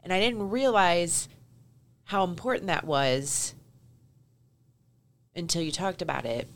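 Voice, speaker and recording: A woman's voice: lowish voice, lively intonation, slow. A woman in her forties hosting a podcast interview, listening closely and offering short affirmations. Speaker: podcast host. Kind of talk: interview conversation.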